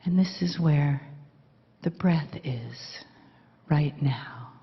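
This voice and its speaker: A woman leading a guided meditation in a soft, breathy, soothing half-whisper. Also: low voice, very slow. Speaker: meditation leader. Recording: dull recording in reverberant hall.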